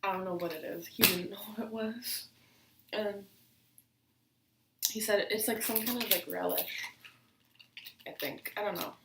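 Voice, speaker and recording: A woman's voice: medium pitch, normal speed, long pauses. A woman chatting casually through a mukbang, rambling with lots of fillers between bites. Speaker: vlogger. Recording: roomy, distant camera audio with faint hiss.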